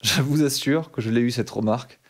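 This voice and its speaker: A man's voice: medium pitch, brisk. A man talking casually and enthusiastically straight to his viewers, in a slangy conversational way. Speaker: YouTuber. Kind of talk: casual direct-to-camera talk. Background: faint guitar music.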